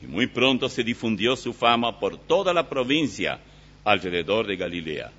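A man's voice: on the low side, very animated, moderate pace, a bit bright. A man teaching a Bible study, reading scripture passages aloud and then explaining them to his listeners. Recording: dull lo-fi recording.

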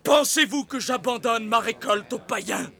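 An actor playing a fanatical young man who prophesies in the Lord's name, declaiming fervently with shouted outbursts in a classic stage drama. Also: very high-pitched, normal speed, creaky, faint music behind, heavily acted. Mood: prophetic.

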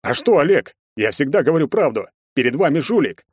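Guy doing a drunk jeering younger brother, pitched up and loud, dry close audiobook. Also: very animated, fairly quick, husky, no echo. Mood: accusing. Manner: sneering, jeering. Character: drunk mocking young man, bitter brother. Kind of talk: audiobook character voice.

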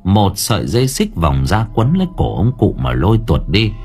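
A man narrating a ghost story in an expressive, dramatic way. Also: low-pitched, normal speed, slightly rough, soft background music. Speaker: audiobook narrator.

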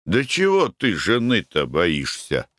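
A boisterous, hearty merchant, as a male reader puts him on, with a raised voice that swings up and down. He is loud and free with his words. The recording is dry and close. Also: medium pitch, big pitch swings, slow pace, no room sound, voice pushed up, exaggerated voice. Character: cheerful free-spending merchant man.

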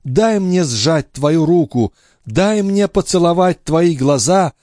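Man doing a high, tearful young woman, passionate and pleading, audiobook, slow, dry close sound. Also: animated, a little mellow, no room sound. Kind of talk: audiobook reading.

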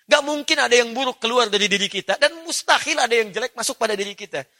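A man preaching an Islamic study sermon, animated, quoting Arabic verses and putting questions to his listeners. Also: high-pitched.

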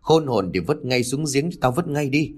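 A man's voice: mid-range voice, animated, normal speed, a little mellow, pitched above the performer's own voice, close to an everyday voice. A man voicing a bossy old village woman over 70 who scolds harshly in a ghost story reading. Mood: scolding.

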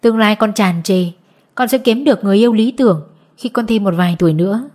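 A woman's voice: medium pitch, normal speed, close to an everyday voice. Woman reading a stern middle-aged mother. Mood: tender. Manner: scolding, then soothing.

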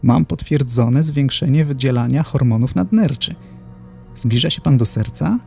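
A man's voice: medium pitch, normal speed, vocal fry, dark tone, faint music behind, close to an everyday voice. A man playing a formal, clinical dignitary of hell who lists tortures in a horror audiobook.

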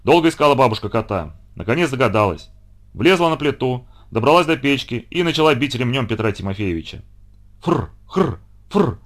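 Guy reading a kids story, voice goes up and down a ton, mid pitch. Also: fast talker. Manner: expressive, dramatic storytelling. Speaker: narrator.

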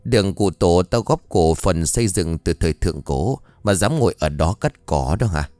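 A brash old village drunk, gleeful and bossy, speaks in a lowish voice with lively swings of pitch, as a male narrator puts him on. It is a dry-sounding audio storybook reading. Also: moderate pace, dry recording. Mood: gloating.

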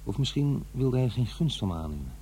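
In a radio drama monologue, an actor plays a middle-aged divorced father musing wryly over his memories, hesitant and talking to himself in a conversational, introspective way. His mid-range voice is dark in tone and sing-song, a little fast, with slight background noise.

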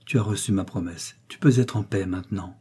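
A man voicing a grieving young wife in a storybook reading, speaking softly and tenderly to her dying husband. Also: deep voice, brisk, slightly rough.

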